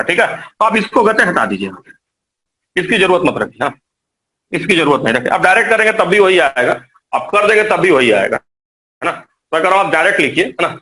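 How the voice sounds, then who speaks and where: Male teacher, high voice, live classroom lecture, repeats and quizzes students. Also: big pitch swings, quick pace, pushed and bright, poor audio. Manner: repetitive, coaxing, quizzes students. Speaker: chemistry teacher.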